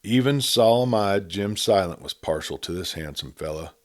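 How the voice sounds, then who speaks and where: A man with a low voice narrates a western tale as an audiobook reader, telling it in an expressive, measured, and dramatic style.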